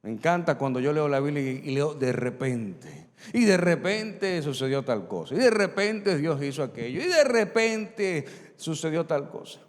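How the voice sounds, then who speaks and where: This middle-aged man is a pastor giving a sermon, slipping into different voices for Bible dialogue and inviting the congregation to say lines back to him. He speaks at a moderate pace in a slightly high, expressive voice, and the recording carries the long reverb of a large hall.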